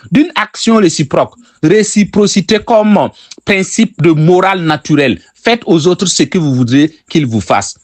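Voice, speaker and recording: A sales trainer from Burkina Faso teaches sales techniques in a Burkinabè French accent, repeating his key phrases for emphasis. His voice is high, with no echo.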